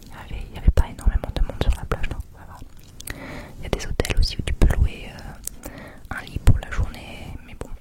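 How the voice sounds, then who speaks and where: Female ASMR vlogger, hushed whisper for quiet late-night listening, informal and rambling, repeats words softly. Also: fairly quick. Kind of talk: whispered ASMR travel vlog narration.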